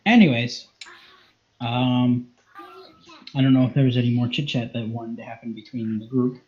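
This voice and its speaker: A man's voice: medium pitch, fairly even intonation, moderate pace. A man running a tabletop game as game master, narrating with many fillers and restarts. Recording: muffled lo-fi audio.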